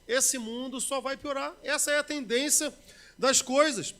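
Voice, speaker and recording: Here the Brazilian preacher keeps a measured pace and fairly even intonation, though his sermon still shifts between loud bursts and low murmurs. He acts out everyday quotes in conversational asides.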